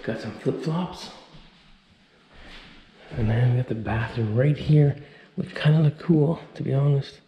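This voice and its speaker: A man in his thirties, a vlogger, gives viewers a relaxed, casual tour of an abandoned house, speaking right to them. His mid-range voice is unhurried and full of pauses, picked up on a handheld camera mic with dull audio, echoing empty rooms and faint noise.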